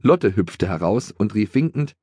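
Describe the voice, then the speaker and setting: A man narrating a children's audiobook in an animated, expressive storytelling manner. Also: low-pitched, moderate pace, slightly rough, dry recording, clean studio sound.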